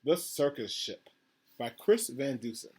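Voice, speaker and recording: A man's voice: mid-range voice, very animated, a little slow, darkish tone, a little hiss or hum. A man, a school principal, reading a picture book aloud to children over a video call, praising them and asking about the pictures. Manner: encouraging, asks the children questions about the pictures.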